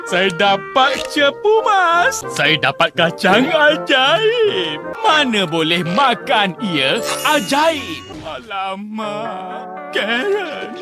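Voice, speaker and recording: A goofy fairy-tale husband boasts and pleads in an excitable cartoon voice. The pitch swings widely, with clear music underneath. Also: male voice, full character voice. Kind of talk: animated cartoon dub.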